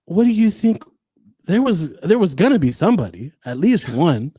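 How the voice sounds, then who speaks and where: Man, twenties, podcast guest, casual chat, rambling, frequent restarts, mellow tone. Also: high voice, sing-song, normal speed, breathy edge, no room sound. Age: 20s. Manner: rambling, restarts often, swears freely.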